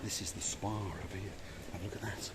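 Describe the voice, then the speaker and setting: An older man, likely a vlogger, walks through a hotel inside and out, giving an enthusiastic running commentary and repeating his praise as he moves. His voice is low-pitched and brisk, with background noise in the recording.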